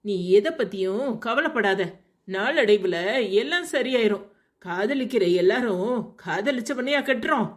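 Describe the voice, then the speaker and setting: A woman voicing a calm village woman in a cartoon who consoles and reasons with a friend in a Tirunelveli Tamil accent. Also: fairly high pitch, a little slow. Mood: consoling. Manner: soothing, reasoning.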